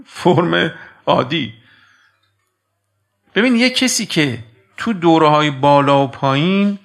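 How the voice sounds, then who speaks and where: A man delivers a sermon in a voice set a little high for a man. His delivery is gravelly, and he keeps swinging between quiet, intimate lines and forceful emphasis. He speaks to his listeners as dear friends. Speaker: preacher.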